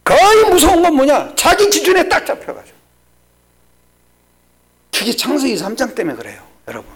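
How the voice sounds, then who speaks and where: An older man preaching a sermon, shifting between loud emphatic lines and hushed, almost whispered ones. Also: extremely high pitch, wildly swooping pitch, moderate pace. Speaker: pastor.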